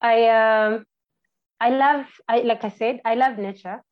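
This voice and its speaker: A woman's voice: a little high, steady tone. Ugandan woman, twenties, chatty podcast guest, a bit muffled. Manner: friendly, halting, with restarts and fillers. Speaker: podcast guest, birding tour guide. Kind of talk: casual interview answers. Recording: slightly muffled lo-fi audio.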